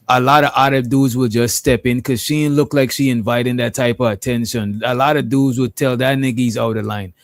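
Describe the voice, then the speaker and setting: A man's voice: mid-range voice, no echo, clean studio sound. A man and pastor co-hosting a casual podcast chat, talking bluntly in loose slang, full of profanity and "you know what I mean".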